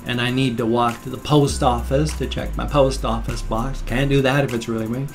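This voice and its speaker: A man's voice: medium pitch, steady tone, a little fast, soft background music. An older man rambling casually to viewers, apologetic and mildly grumbling, his speech hissing and slightly slurred from loose dentures. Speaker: vlogger.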